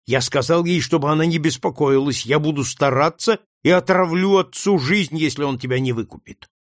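A man's voice: a little high, normal speed, dry recording, studio quality, close to an everyday voice. George, a man voicing an indignant boy. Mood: earnest. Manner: excited, pleading outbursts. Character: indignant young boy, passionate and impulsive. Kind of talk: audiobook character reading.

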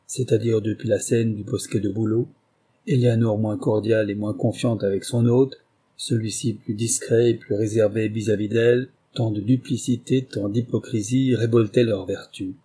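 Husky, dark-voiced male narrator. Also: medium pitch. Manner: measured, literary narration. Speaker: audiobook reader. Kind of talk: reading a 19th-century novel aloud.

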